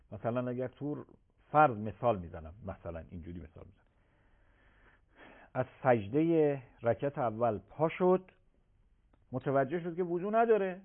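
A man, a religious scholar answering viewers' questions on a live call-in program, emphatic and swinging between loud and soft. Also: medium pitch. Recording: tinny phone-like broadcast audio.

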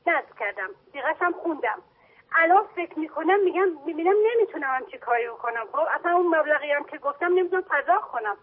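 A middle-aged woman from Kurdistan province, Iran, calling a radio show and asking her questions in a hesitant, halting way. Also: high-pitched, animated, slight background noise. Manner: hesitant, halting, full of fillers. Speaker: caller. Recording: tinny phone line on radio.

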